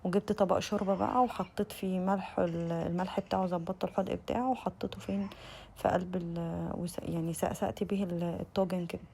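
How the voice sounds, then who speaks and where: Fast-talking Egyptian woman with gravelly fry. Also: on the low side, little pitch movement, mellow, a little hiss or hum. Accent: Egyptian Arabic. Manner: chatty, addresses viewers directly, frequent restarts. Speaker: lifestyle vlogger. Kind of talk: casual voice-over narration.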